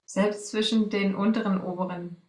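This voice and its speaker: A woman's voice: medium pitch, steady tone, normal speed, a little mellow. A woman asks curious follow-up questions in a conversational interview. Her voice sounds roomy, with noticeable echo around it. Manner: inquisitive, agreeing.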